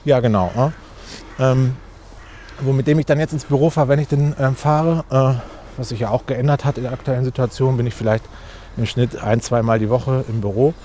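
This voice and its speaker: A man's voice: mid-range voice, steady tone, a little fast, warm tone, slight background noise. A man, answering interview questions outdoors with many fillers and restarts. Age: 40s. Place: outdoors on a street.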